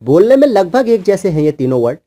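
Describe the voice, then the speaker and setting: A man's voice: high voice, big pitch swings, a little fast, warm tone. A man teaching children English words, patiently spelling them out letter by letter in Hindi. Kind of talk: explaining word meanings to children.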